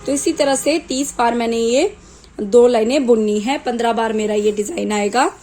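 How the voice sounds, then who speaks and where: A woman with a sore throat teaching knitting step by step, calmly counting stitches aloud one at a time. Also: on the high side, moderate pace, poor audio. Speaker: knitting tutor. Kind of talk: slow step-by-step craft tutorial.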